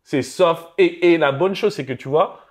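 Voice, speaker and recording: A man's voice: fairly high pitch, normal speed. Reflective young man from Congo. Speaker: guest. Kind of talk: casual conversation.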